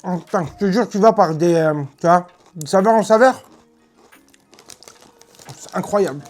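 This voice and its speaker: A woman with a slightly low voice hosts a casual tasting. She talks in a chatty, colloquial way and leans on her words for emphasis. Soft music plays behind her. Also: a little slow. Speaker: host of food tasting video.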